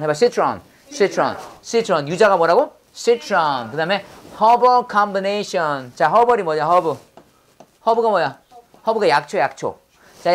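A woman teaching English vocabulary in a classroom drill lecture. She repeats each word, prompts the class to echo it, and slips in corny puns. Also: lowish voice. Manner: drops in corny pun jokes.

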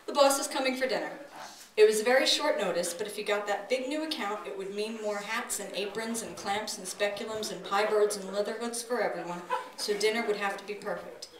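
Filmed from the crowd on a faraway camera, this woman performs a live reading of her own comic story like a storybook narrator inside an echoing open-sided wooden pavilion. Her mid-range voice runs a little fast over crowd noise, and the recording is distant and noisy.

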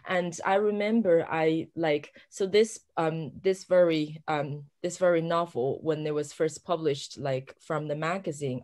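A native Chinese-speaking woman author, appearing as a guest, talks in a low-pitched voice with a somewhat dark tone. Her casual conversation is hesitant, full of fillers, and punctuated by frequent laughter.

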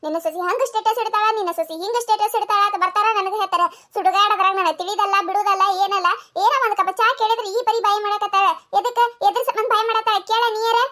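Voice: very high-pitched, fairly even intonation, fast, hardly any pauses, pushed and bright. A performer doing a nagging cartoon mother-in-law. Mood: scolding. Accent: North Karnataka Kannada. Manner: nagging, scolding. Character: scolding village mother-in-law, older woman. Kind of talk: cartoon comedy voice acting.

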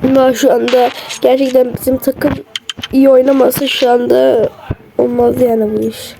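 A woman gives casual, muttered gaming commentary in a fairly high but gravelly, slightly hoarse voice. She sounds a bit under the weather and keeps her volume down. There is clear background noise on the recording. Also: flat delivery, normal speed. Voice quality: gravelly, creaky voice. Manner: muttering reactions to the game, keeping voice low. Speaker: gamer narrating own gameplay.

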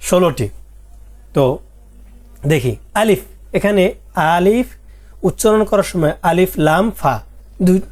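A teacher giving an Arabic alphabet lesson, repeating each letter slowly and asking and answering quiz questions. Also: medium pitch, darkish tone.

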